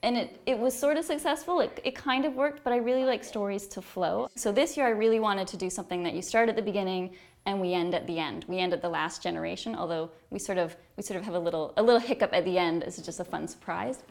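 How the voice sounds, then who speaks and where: A woman's voice: mid-range voice, fast, vocal fry. A woman giving an informal interview as a tour director, conversational and enthusiastic.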